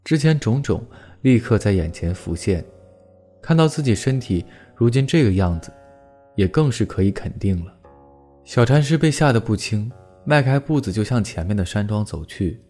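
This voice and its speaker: A man tells a ghost story in a measured, dramatic voice. His tone is low and mellow. A faint plucked guitar plays behind him. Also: lively intonation. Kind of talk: scripted storytelling narration. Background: faint guitar music.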